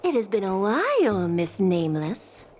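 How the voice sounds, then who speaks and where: A woman plays a polite court secretary in a game cutscene, addressing others with formal courtesy as music plays behind her. Her mid-range voice is highly animated but measured in pace, and there is background noise.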